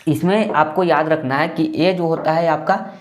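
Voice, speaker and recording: A man's voice: fairly high pitch, fairly even intonation, moderate pace. A man teaching a maths class casually, repeating himself and asking and answering his own questions.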